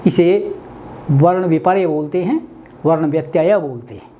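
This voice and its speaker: An older man from India giving a weekly webinar lesson on language, speaking deliberately and spelling out words. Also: fairly high pitch, dark tone, slight background noise. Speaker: Hindi language teacher. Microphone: webinar computer mic.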